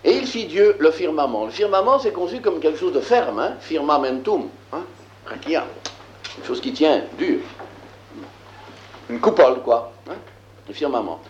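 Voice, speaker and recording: A man reads and explains scripture in a lesson, slow and emphatic, scattering filler words through his speech. His voice sits a little high and swings widely in pitch. The recording is dull and lo-fi, with a faint hiss behind it. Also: very animated, reverberant. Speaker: Bible teacher. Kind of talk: lecture reading and explaining scripture.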